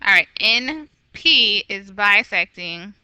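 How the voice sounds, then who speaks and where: A woman's voice: mid-range voice, lively intonation, takes it slowly, sharp tone, clean tone, no room sound, rough recording. A woman teaching a recorded geometry lesson, walking through problems patiently and correcting herself aloud. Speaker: math teacher.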